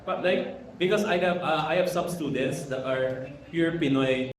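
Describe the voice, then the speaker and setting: A man's voice: fairly high pitch, moderate pace, a little hiss or hum. A man from the Philippines, a Hokkien language instructor, giving a casual workshop lecture to a live audience and asking the room questions. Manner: casual, code-switches with Tagalog fillers, asks the room questions. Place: large echoey room with audience. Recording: echoey hall with crowd.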